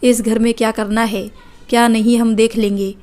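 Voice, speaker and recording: A woman's voice: fairly high pitch, flat delivery, moderate pace, a little mellow, natural voice. A woman voicing a drunk, rude young married man in a read-aloud family story. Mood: contemptuous. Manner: insulting, dismissive.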